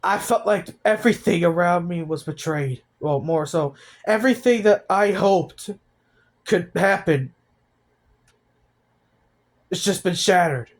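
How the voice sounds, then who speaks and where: An eighteen-year-old man talking about his feelings in a personal vlog, halting and downcast, often restarting his sentences. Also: high voice. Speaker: vlogger.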